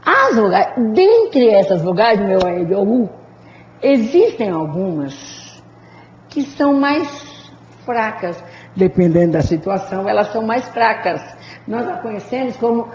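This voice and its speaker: A woman teacher giving a grammar lesson, who draws words out slowly to stress their syllables and calls her students "gente" and "amores". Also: mid-range voice, sing-song, a little mellow, slight background noise. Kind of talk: classroom lecture for exam prep. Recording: echoey hall, dull lo-fi sound.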